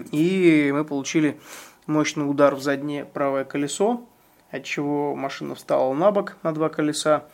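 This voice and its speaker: Male rally navigator, somewhat high voice, halting delivery full of fillers, clears his throat often. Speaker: rally co-driver. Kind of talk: post-stage account.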